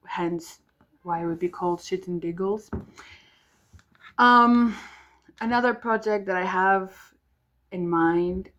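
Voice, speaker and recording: A young South African vlogger whose first language is Afrikaans chats casually to camera from a room at home while music plays downstairs. Her voice sits on the low side with the highs cut off, and she rambles with lots of ums and restarts.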